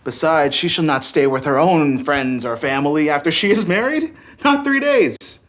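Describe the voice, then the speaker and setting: A young gentleman of Restoration comedy, played by an actor, domineering and very pleased with himself. The delivery is highly animated and arch, swinging widely in pitch over a middling register, with pompous period phrasing. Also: normal speed, natural voice. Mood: pompous, gloating. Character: scheming, domineering young gentleman suitor, mocking and self-satisfied.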